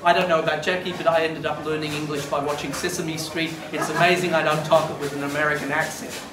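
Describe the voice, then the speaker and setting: Speaking fast in a voice on the high side, a man in his fifties from Argentina, Spanish being his first language, rambles through a story as a eulogist at a memorial. He is animated and gestures broadly with both hands. The setting is a glass-walled room by a beach, and the far camera's recording comes out roomy, distant and noisy.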